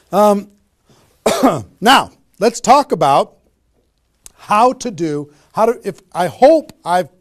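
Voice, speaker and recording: A man giving an energetic motivational seminar talk on network marketing, firing rhetorical questions at a live audience. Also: sits high.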